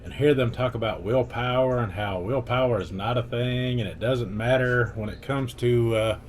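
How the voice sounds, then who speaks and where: A man with a medium-pitched voice speaks emphatically and plainly in a casual opinion vlog. Faint noise and chirping birds sit behind him. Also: moderate pace.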